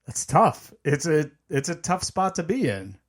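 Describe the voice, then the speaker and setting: A man's voice: fairly high pitch, big pitch swings, measured pace. A man co-hosting a podcast, answering in a laid-back, dry way with short replies and some hedging. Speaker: podcast co-host. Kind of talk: casual chat.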